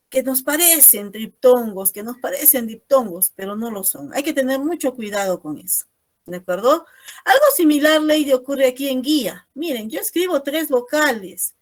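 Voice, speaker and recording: A woman with a high voice runs an online lesson by video call. She explains things patiently, finishing most phrases with an inquiring "no?".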